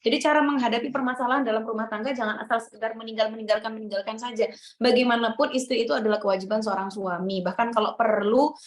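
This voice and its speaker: This is a young woman with a Javanese accent, teaching at a Ramadan religious study. She speaks in a relaxed, storytelling way and mixes Javanese asides into her teaching. Her voice sits at a middle pitch.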